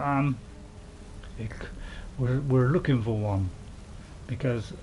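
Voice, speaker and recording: A man's voice: mid-range voice, a little hiss or hum. Chatty man narrating gameplay. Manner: chatty and rambling, with sudden loud excited shouts. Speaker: gaming channel host. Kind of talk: casual gameplay commentary.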